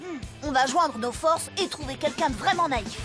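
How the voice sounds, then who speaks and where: A woman voicing a confident, smooth-talking schoolboy schemer in a French cartoon, sly and persuasive. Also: high-pitched, over music, natural voice. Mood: sly, flattering. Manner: sly, persuasive, quick to plot. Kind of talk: French animated series dialogue.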